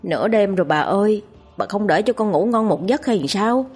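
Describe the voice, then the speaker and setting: A woman voicing a jumpy, grumbling young male apprentice exorcist who shouts when startled. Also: mid-range voice, animated, normal speed, slightly rough, soft background music. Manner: shouting, whiny.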